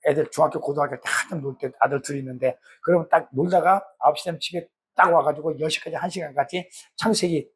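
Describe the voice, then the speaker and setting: Husky male pastor, middle-aged, high voice, casual Bible study teaching, acts out quotes.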